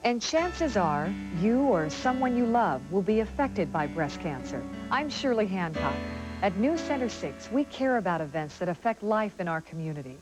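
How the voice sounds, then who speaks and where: A woman local news anchor reading a station promo in a measured, earnest way. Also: medium pitch, poor audio. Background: music.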